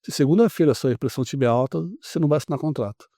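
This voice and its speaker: A man from Brazil, around his forties, telling a story as a podcast guest in a casual, animated way and acting out the other people's lines. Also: mid-range voice, rapid-fire, no room sound, clean studio sound.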